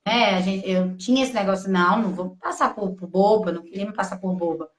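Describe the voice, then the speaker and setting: A woman from gives an emotional personal testimony, halting and full of restarts as she quotes her own thoughts. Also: mid-range voice, fairly even intonation. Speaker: testimony guest. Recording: echoey room.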